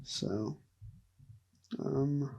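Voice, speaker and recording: A man talks his way through a character ranking in loose, rambling commentary. He speaks slowly at a middle pitch, often breaking into short laughs and restarting his sentences. It sounds unscripted and offhand. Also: vocal fry, warm tone, lo-fi sound. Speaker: vlogger ranking show characters.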